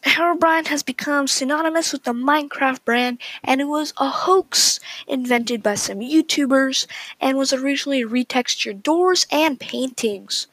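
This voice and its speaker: A woman's voice: sits high, normal speed, a bit bright, no echo, rough recording. A woman hosting a casual solo podcast, talking in an opinionated, chatty way with frequent restarts. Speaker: podcast host.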